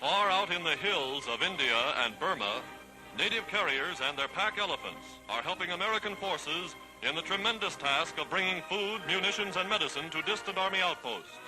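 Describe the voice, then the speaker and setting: A man's voice: high voice, expressive, moderate pace, rough recording. A man narrating a 1940s newsreel in a dramatic, declamatory, scripted style. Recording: vintage 1940s newsreel soundtrack, loud music. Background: loud music.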